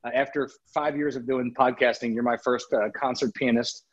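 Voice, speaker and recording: A man's voice: mid-range voice, steady tone, moderate pace, slightly rough, highs cut off. A man hosting a podcast, asking questions in a casual, easygoing way with lots of fillers. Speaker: podcast host. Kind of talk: casual interview.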